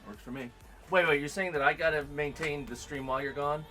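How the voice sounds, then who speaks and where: A man's voice: a little high, brisk, pushed and bright. A man chatting casually on a game stream, playful and joking, laughing often. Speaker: streamer co-host. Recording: music playing behind the voice.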